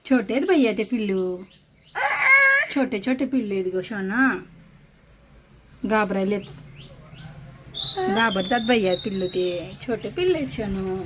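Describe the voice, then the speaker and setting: A woman filming a casual home vlog, narrating gently to viewers and coaxing a small child in a tender, soothing way. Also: medium pitch, expressive, measured pace, long pauses, very noisy. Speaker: family vlogger.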